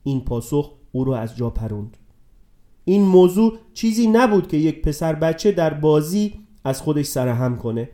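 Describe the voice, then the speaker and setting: A man narrating a story aloud in a calm, measured way. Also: fairly high pitch. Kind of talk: audiobook narration.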